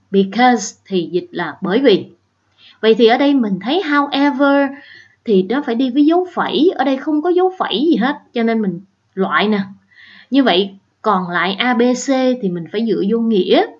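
A woman's voice: on the high side, lively intonation, normal speed, highs cut off. A woman teacher with a Southern Vietnamese accent, patiently explaining exam questions step by step and checking in with her students. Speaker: English teacher. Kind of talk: exam prep lesson.

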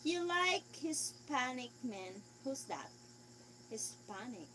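A woman's voice: high voice, sing-song, slow pace, noisy background. A woman chatting casually with viewers on a live stream. She reads their comments aloud, answers in simple phrases and laughs easily.

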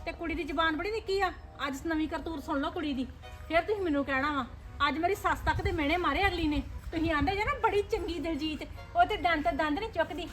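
A woman playing a scheming, complaining mother-in-law in a family drama, sharp-tongued and muttering plans to herself. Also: very high-pitched, fast, soft background music. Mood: quarrelsome. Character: scheming, nagging middle-aged mother-in-law.

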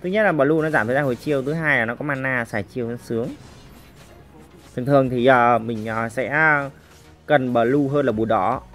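A woman giving lively gameplay commentary as a mobile game streamer, chatting to viewers and making shooting sound effects. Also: rumbling low, fairly quick, faint music behind.

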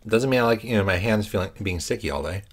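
A man's voice: fairly low pitch, animated, fast, a little hiss or hum. A man joining his wife's eating show, answering questions in a dry, teasing way. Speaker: host's husband. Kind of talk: casual chat while eating.

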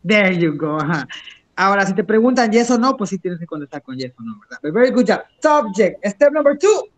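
Very high-voiced male teacher. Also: sing-song, brisk. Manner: encouraging, switches between English and Spanish. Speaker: English teacher. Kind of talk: online class instruction.

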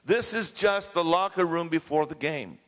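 A man's voice: fairly high pitch, expressive, moderate pace. Man preaching a sermon in a reverberant church. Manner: preaching with big swings between hushed and climactic. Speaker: pastor. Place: church sanctuary.

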